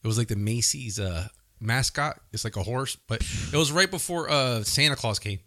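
A man chats casually as a podcast co-host. His voice is mid-pitched and recorded close, with very little room sound. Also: expressive, moderate pace, sharp tone, no room sound. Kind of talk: casual chat.

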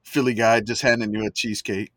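A man's voice: on the low side, little pitch movement, fast talker, a bit bright, no room sound. A man hosting a casual sports chat podcast from inside a closet, rambling and chatty with plenty of fillers. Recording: dry, close sound from a closet.

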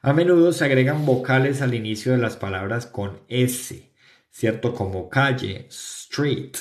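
A man's voice: medium pitch, normal speed, roomy sound. A man from Colombia with a Colombian Spanish accent, giving an English pronunciation lesson and often checking understanding with the class. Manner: explanatory, repeats "¿cierto?" to check understanding. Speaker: English teacher.

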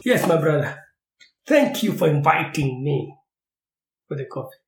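A male interviewer from Uganda chats in a playful, teasing manner, laughing often as he speaks. His voice swings widely in pitch, and the room around him rings with noticeable echo. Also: sing-song, measured pace, slight background noise. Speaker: podcast host, interviewer. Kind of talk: casual interview chat.

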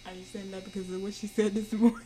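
A woman's voice: mid-range voice, flat delivery, quick pace. A woman co-hosting a casual podcast, teasing and laughing often. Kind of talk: casual chat. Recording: loud background noise.

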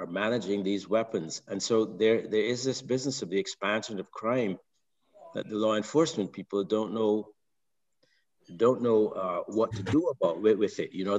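An older Barbadian man with a low voice calls in, working through his point in fits and starts, circling back and repeating words as he searches for the next phrase. His voice carries a long reverb. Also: darkish tone, highs cut off. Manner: halting, many restarts and repeated words. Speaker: caller. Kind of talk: call-in question.

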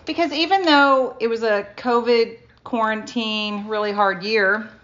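A woman's voice: a little high, fairly even intonation, measured pace, fairly bright tone, dull audio. Chatty middle-aged woman on a phone recording. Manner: chatty, laughing often. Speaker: podcast co-host. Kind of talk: casual chat.

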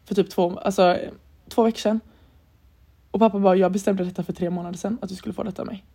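Animated young Swedish woman, mellow voice. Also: mid-range voice, breathy edge. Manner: animated storytelling, acts out quoted lines, swears casually. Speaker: podcast co-host. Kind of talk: casual chat.

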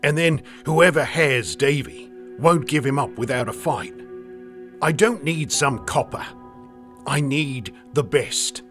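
A man's voice: mid-range voice, takes it slowly, a bit bright, soft background music. An actor playing a brash, cheerful Australian bushman guide with a slangy, matter-of-fact way of talking. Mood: earnest.

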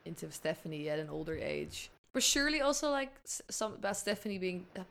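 A woman's voice: lowish voice, sing-song, brisk, fairly bright tone. A woman co-hosting a podcast, making wry, sarcastic remarks in a casual film chat. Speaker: podcast co-host.

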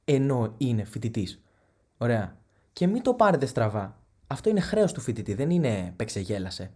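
A young man hosting a podcast, telling profane, animated comic stories and mimicking his relatives. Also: mid-range voice, breathy edge. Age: young adult. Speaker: podcast host. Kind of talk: comedic storytelling monologue.

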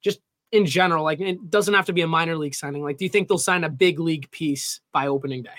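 A male podcast co-host with a slightly raised pitch talks loosely about sports, full of fillers. The sound is dry and close, with no room around it. His tone stays casual and jokey. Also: quick pace, a bit bright, dry recording.

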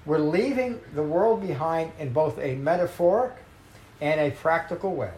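A man teaching meditation in a measured, emphatic way, reading a Buddhist text and explaining it to a group. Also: on the high side, expressive, a little mellow, echoey room, low-quality recording. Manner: measured, emphatic teaching with slowed key phrases. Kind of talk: dharma talk reading a sutta.

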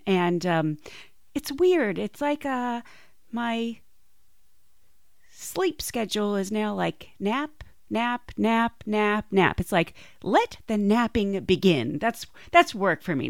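A woman's voice: medium pitch, creaky, no echo, clean studio sound. A woman casually telling personal stories as a podcast host. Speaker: podcast host and flight attendant.

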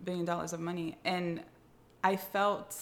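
Earnest motivational woman, lower voice. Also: flat delivery, normal speed. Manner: earnest, motivational, laughs readily. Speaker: podcast co-host. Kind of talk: casual chat.

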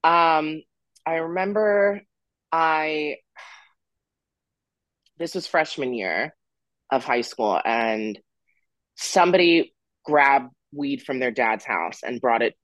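A man's voice: on the high side, slow, pauses often, a bit bright, dry recording. A man in his twenties who grew up in Florida, a podcast guest telling his story in a candid, rambling way with stops and restarts. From Florida, USA. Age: 20s. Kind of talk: casual interview storytelling.

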